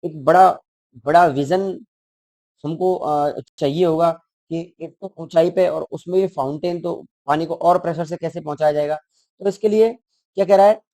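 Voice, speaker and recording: A man's voice: fairly high pitch, normal speed, mellow, no room sound. A male teacher explaining a school textbook to children, repeating key words and asking the class questions.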